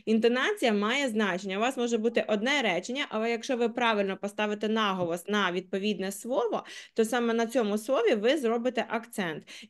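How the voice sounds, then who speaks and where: Brief: woman English teacher, fairly high voice, explains patiently and models stressed sentences. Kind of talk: online class teaching.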